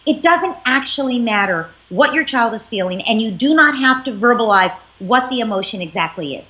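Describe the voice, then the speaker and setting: A woman psychologist explaining parenting as an interview guest, animated and acting out what parents and children say. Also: on the high side, moderate pace. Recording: tinny phone-like line.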